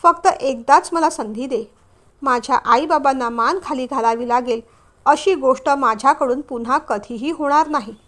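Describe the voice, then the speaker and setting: A guilty teenage boy begs his parents to forgive him, his voice tearful and pleading, as a woman acts him out in a storybook reading. The voice sits high. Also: unhurried, a bit bright. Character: remorseful teenage son begging forgiveness.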